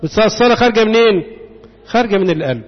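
A man with an Egyptian accent delivers a sermon in a high voice, throwing questions out to the congregation and waiting for their answers. The sound is muffled and echoes through a long, reverberant hall. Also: lively intonation, rapid-fire. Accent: Egyptian Arabic. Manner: call-and-response questioning of the congregation. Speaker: preacher.

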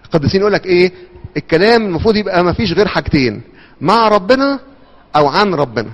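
A man with an Egyptian accent giving a lively church talk, asking questions and answering them himself. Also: sits high, rapid-fire. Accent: Egyptian Arabic. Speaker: church speaker. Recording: muffled sound with long hall reverb.

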